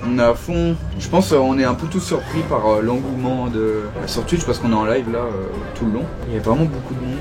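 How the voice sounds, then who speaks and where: A man's voice: mid-range voice, a little fast, hardly any pauses, music in the background. Hyped young French-speaking man vlogging. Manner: hyped, animated, French slang. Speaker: youtuber and team founder. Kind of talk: excited casual vlog chat.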